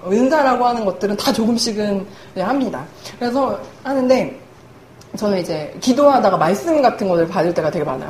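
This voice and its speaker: A woman's voice: mid-range voice, darkish tone. A young woman preaching a humorous sermon in a chatty, self-mocking way, laughing often as she talks. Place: church hall. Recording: echoey church hall, faint room noise.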